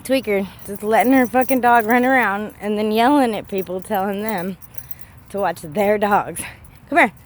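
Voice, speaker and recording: A woman's voice: mid-range voice, moderate pace. A woman vlogging while walking through a cemetery, ranting heatedly and swearing a lot. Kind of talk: casual walking vlog. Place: outdoors in a cemetery.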